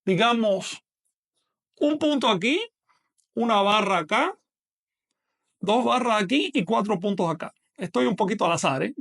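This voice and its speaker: A man's voice: sits high, expressive, a little slow, gravelly, long pauses, a bit bright. A man teaching a live online lesson, patiently explaining step by step and asking questions that he then answers himself.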